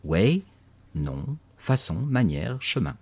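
Narrator: man, deep-voiced and breathy, expressive storybook reading. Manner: expressive reading, spells words out slowly. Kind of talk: audiobook narration.

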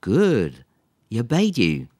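A cheerful, confident teenage girl, as a man reading a storybook puts her on, her voice lifted high and swooping all over. She speaks clearly and firmly, and the recording is close and dry. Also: wildly swooping pitch, slow pace, no room sound, full character voice. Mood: commanding. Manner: bright, confident, commanding with dogs. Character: cheerful English teenage girl, dog owner. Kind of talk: audiobook reading.

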